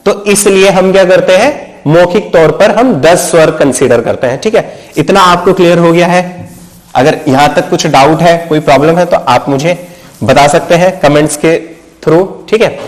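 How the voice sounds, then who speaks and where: High-voiced man teaching a Hindi lesson. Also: moderate pace, low-quality recording. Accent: Hindi mixed with English words. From Uttar Pradesh. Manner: talks in questions he answers himself, often checks in with "ठीक है". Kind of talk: explanatory video lesson.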